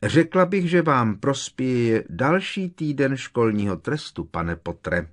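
A man's voice: fairly low pitch, expressive. A man voicing a pompous, sickly sweet middle-aged female school official who speaks in a slimy, condescending way. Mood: sugary menace.

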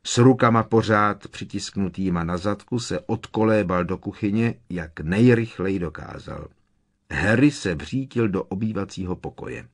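A man reading a storybook aloud as an audiobook narrator, in a measured, even storytelling manner. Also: deep voice.

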